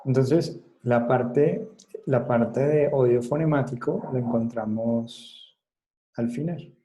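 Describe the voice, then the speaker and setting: Slow, mellow-voiced man teaching online. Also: mid-range voice, poor audio. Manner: checks in often with short questions; halting, with many fillers and restarts. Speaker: psychology lecturer. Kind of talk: online class lecture.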